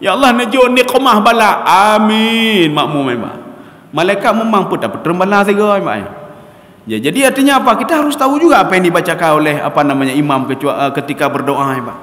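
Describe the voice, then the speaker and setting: A man preaching a sermon, animatedly addressing the congregation as sir and miss. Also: high-pitched. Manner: addresses the congregation as Pak and Mbak, loud and animated. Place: mosque gathering. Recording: echoey reverberant hall.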